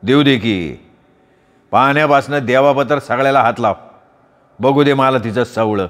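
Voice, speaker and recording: A blunt, defiant young village husband, played by a man in his own natural register. He is proud and quick to scorn. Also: medium pitch, a bit bright, in a large hall, natural voice. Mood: scornful.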